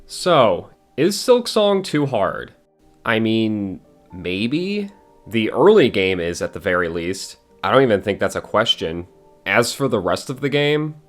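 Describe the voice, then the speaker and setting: A man giving a scripted, blunt and exasperated game critique as a video essayist, swearing now and then. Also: lowish voice.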